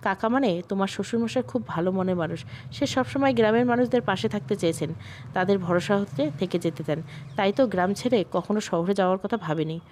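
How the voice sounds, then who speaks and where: A woman voicing a kind young sister-in-law in an audio story, gentle and reassuring. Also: mid-range voice, fairly quick, a little hiss or hum, lightly acted.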